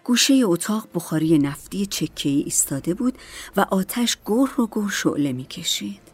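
Woman, audiobook narration, calm, measured, lowish voice, faint music. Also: breathy edge.

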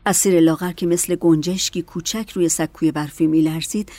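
Low-voiced woman narrating a story. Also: fairly even intonation, warm tone, no room sound, faint music behind.

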